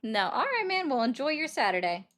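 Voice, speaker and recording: Woman, call-in host, slightly high voice, blunt, challenging. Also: very animated, a little fast, a bit bright. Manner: blunt, challenging, pushes back firmly. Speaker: host taking viewer calls. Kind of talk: political call-in livestream.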